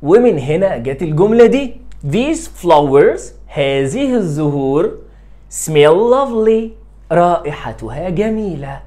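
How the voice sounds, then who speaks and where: Male Egyptian-accented English tutor, animated sing-song delivery, patient word drills for young pupils. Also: on the high side. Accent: Egyptian Arabic. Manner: drills words by repeating them slowly and encouraging pupils. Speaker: English teacher. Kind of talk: classroom lesson explanation.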